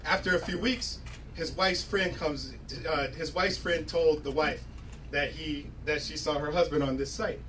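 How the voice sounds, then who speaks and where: A man's voice: fairly high pitch, steady tone. A man performing a stand-up comedy set on a club stage, talking in a loose, conversational, rambling way. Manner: conversational, rambling delivery with quick asides. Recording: distant, noisy club recording with laughing crowd. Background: audience laughter and loud room noise.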